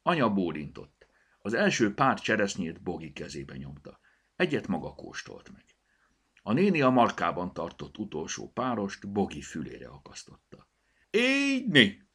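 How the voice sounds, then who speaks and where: A man narrating a children's storybook chapter with an expressive, animated delivery. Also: sits low, slightly rough. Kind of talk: audiobook storytelling.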